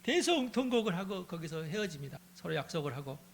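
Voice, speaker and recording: Male pastor, Bible study, storytelling, acts out characters, high voice, faint noise. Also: big pitch swings, quick pace.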